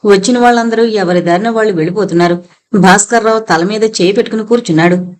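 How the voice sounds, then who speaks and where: A woman's voice: medium pitch, fast. Woman reading a novel aloud. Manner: steady storytelling reading. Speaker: audiobook narrator. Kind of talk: scripted narration.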